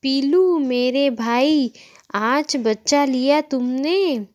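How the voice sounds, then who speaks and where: A woman voicing a young male chick who is excited and easily startled, crying out loudly. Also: sits high, extremely slow. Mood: grateful. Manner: loud excited cries.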